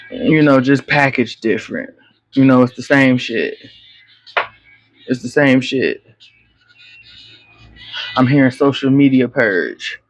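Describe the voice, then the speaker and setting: A man talks his way through a tarot reading in a casual, meandering monologue, leaning on fillers and cursing freely. His delivery is slow and drawn out at a medium pitch. The recording is dry and slightly dull, like a lo-fi mic. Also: dry recording. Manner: rambling, frank and profane, many fillers and restarts. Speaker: tarot reader. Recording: slightly muffled lo-fi.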